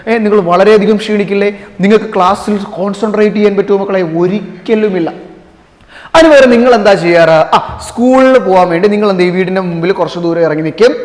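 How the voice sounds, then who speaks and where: High-voiced male physics teacher, echoey room. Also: a little fast, a little mellow. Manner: asks rhetorical questions and answers them himself, keeps checking if students understood; addresses listeners affectionately as children. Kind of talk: classroom-style lecture to students. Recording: long reverberant room echo.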